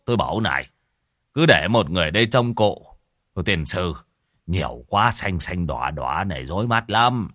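A man voicing a gruff, greedy old village shaman who scolds and curses as he orders people around. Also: low voice, lively intonation, normal speed, fairly bright tone, no room sound, clean studio sound. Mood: bossy. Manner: bossy, scolding, curses freely.

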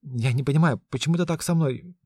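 A man's voice: a little high, quick pace, mellow, slightly rough, dry recording, voice pushed up. A man voicing a frightened, tearful young pregnant woman who pleads in a trembling voice. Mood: frightened pleading.

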